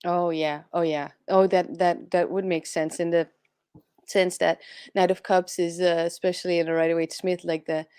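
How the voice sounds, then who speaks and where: A woman's voice: lowish voice, flat delivery, moderate pace, dark tone, clean tone, dry recording. A woman speaking English as a second language, co-hosting a tarot live stream in a chatty way, laughing often. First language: not English. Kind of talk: casual chat.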